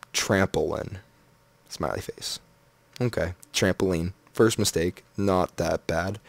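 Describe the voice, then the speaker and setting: A man's voice: low voice, a little hiss or hum. A man giving casual, joking commentary as he plays through a game and reads its signs aloud. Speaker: Minecraft let's player.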